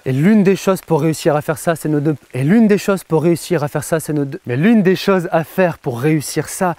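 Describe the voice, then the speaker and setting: A man's voice: mid-range voice, warm tone, no echo. A man giving a motivational talk as a coach, emphatic and repeating phrases for effect. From France.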